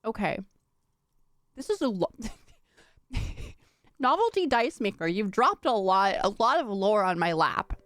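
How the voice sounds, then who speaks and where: A woman's voice: mid-range voice, big pitch swings, measured pace, pauses often, fairly bright tone, no echo, studio quality. A young woman streaming a video game, chatting playfully, giggling often and swearing freely. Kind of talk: casual gameplay commentary.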